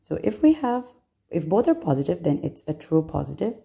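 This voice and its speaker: A woman's voice: sits low, very animated, fairly quick, gravelly, mellow. A woman from Bangladesh, a medical student walking through exam concepts step by step, patient, with frequent fillers.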